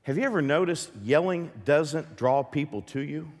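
A pastor preaching a sermon to his church, lively and full of questions to the congregation. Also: on the high side, moderate pace, big-room sound. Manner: animated, asks the congregation many questions. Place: church sanctuary.

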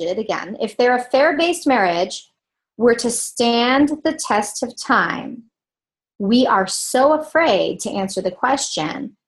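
Frank, emphatic woman podcast host. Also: medium pitch. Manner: frank, emphatic, with a dry laugh. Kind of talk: candid solo podcast commentary.

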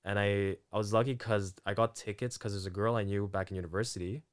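Man, low voice, casual chat, animated storytelling, acts out quotes. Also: fast talker.

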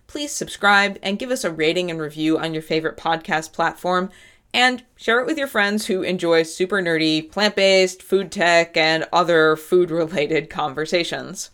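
A woman's voice: fairly low pitch, fairly bright tone. A woman hosting a food and health podcast, reading an upbeat scripted intro and then interviewing her guest. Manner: upbeat, self-described nerdy enthusiasm. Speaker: podcast host.

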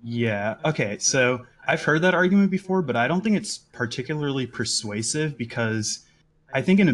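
A man calling in to a live show, explaining his view hesitantly with many fillers. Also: medium pitch. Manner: hesitant, thinking aloud with fillers. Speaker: caller. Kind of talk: casual call-in.

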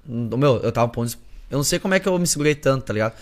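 A young adult man and singer, telling a story in a casual podcast chat, animated and full of slang. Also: medium pitch, rapid-fire. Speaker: singer and musician, podcast guest.

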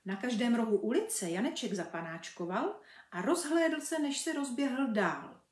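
A woman reading a children's book aloud in a lively, expressive way. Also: fairly high pitch. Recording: echoey room.

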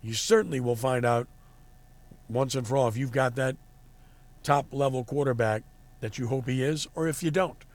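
A man's voice: medium pitch, moderate pace, pauses often. A man hosting a sports talk radio show, giving commentary.

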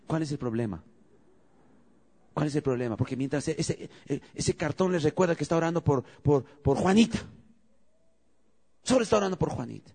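A man's voice: fairly high pitch, normal speed, a little mellow. A man preaching a sermon as pastor, calling out questions to the congregation and leading prayer with rising emphasis.

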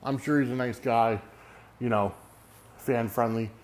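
A man's voice: mid-range voice, fairly even intonation, a little slow. A man giving casual solo sports commentary as a podcast host, conversational and emphatic, often checking in with listeners.

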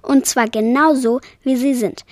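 A woman's voice: high voice, fairly even intonation, a little slow, a little mellow, no echo, studio quality. A woman voicing a loyal, protective male vampire who speaks firmly and with determination, in a storybook reading. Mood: determined. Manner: firm, determined.

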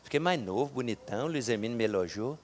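A pastor in his sixties preaching a sermon, folksy and joking, rising to fervent shouts. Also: medium pitch, animated, fast talker, slight background noise. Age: 60s. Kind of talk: lively sermon with storytelling.

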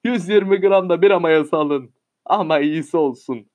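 A man's voice: fairly high pitch, normal speed, a little mellow, natural voice. A man doing a frantic seasick ship passenger. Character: storm-tossed seasick ship passenger, desperate. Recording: muffled lo-fi recording.

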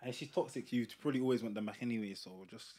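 A man's voice: mid-range voice, rapid-fire, mellow. A young man with a London roadman accent, trading casual slangy banter as a podcast co-host. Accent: London, roadman street style. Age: young adult.

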